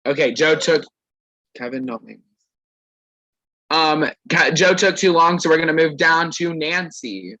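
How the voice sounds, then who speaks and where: This host of an online reality game speaks in a fairly high, sharp voice, taking his time and leaving long pauses. Over a video call, he presents each player in turn with playful sass and his signature "period." The audio is poor and has no room sound.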